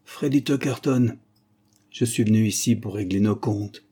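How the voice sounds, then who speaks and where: A man voicing a menacing masked male avenger, hoarse, hissing and imperious as he makes his threats. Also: fairly low pitch, unhurried, mellow.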